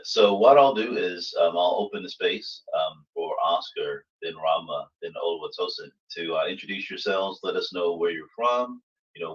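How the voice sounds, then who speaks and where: A man's voice: low-pitched, fairly bright tone, distant mic. A man hosting a livestream panel, effusively polite as he moderates, on a muffled microphone. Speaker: host, moderator.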